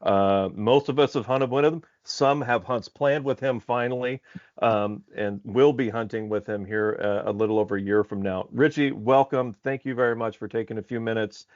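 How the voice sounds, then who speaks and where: A man's voice: medium pitch, moderate pace, dry recording. A man from Alaska hosting a hunting podcast, upbeat and rambling with fillers. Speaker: podcast host. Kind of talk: casual podcast interview. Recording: slightly dull lo-fi audio.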